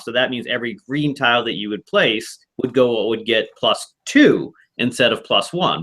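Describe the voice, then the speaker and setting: A man's voice: mid-range voice, pushed and bright. A man hosting a casual online board game club, explaining rules and strategy in a rambling way with frequent restarts.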